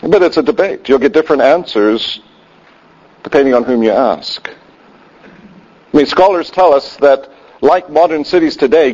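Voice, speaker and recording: A man's voice: mid-range voice, a little mellow. A man preaching a sermon in a conversational way with wry asides. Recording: dull lo-fi sound.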